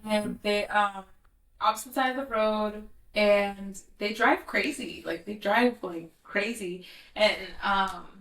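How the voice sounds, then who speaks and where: A woman's voice: medium pitch, takes it slowly, fairly bright tone, distant mic. A young woman chatting casually and telling stories about a trip, with lots of filler words. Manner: chatty, full of "like" fillers, storytelling. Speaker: podcast co-host. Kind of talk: casual chat. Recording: roomy sound from away from the mic.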